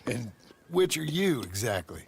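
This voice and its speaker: A man's voice: mid-range voice, big pitch swings, measured pace, creaky, slight background noise. An actor playing a weary, terse male outlaw turned rancher in a western video game, speaking with dry, clipped lines over game music. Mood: guarded.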